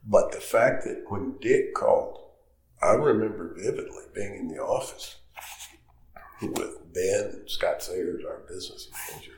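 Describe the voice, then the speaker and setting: An older man, a guest, telling rambling anecdotes with quoted dialogue in a relaxed interview, recorded in an echoey room. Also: deep voice, unhurried. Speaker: golf course architect guest.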